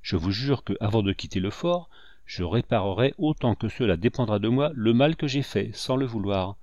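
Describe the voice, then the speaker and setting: A man's voice: lowish voice, expressive, moderate pace, a little mellow, no echo, muffled recording, natural voice. A man voicing a devoted, remorseful male captain, speaking humbly and pleadingly. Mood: pleading, contrite.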